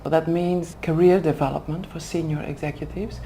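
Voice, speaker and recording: Pausing often to find her words, a woman interviewed at a language school in Oxford speaks carefully and hesitantly in a language other than her native Dutch. She is an executive development manager with a low, mellow voice and fairly even intonation, recorded with a little hiss or hum.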